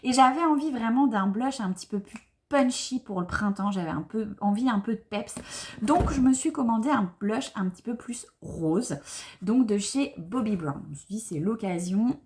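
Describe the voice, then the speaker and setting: A woman's voice: a little high, expressive, normal speed, a little mellow. A young woman, chatting enthusiastically to camera as she unboxes beauty products, with many fillers. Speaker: beauty vlogger. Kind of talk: casual unboxing chat to camera.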